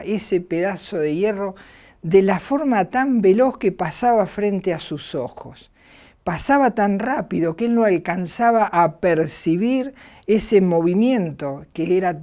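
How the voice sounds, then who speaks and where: A middle-aged Argentine woman preaching a sermon, speaking in a slow, reflective way and acting out the quotes she tells. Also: medium pitch, dark tone. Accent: Argentine Spanish.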